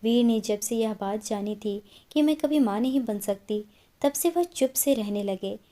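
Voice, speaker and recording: A woman's voice: on the high side, animated, a little slow, dark tone. A woman narrating an emotional family story in the first person, in an earnest way.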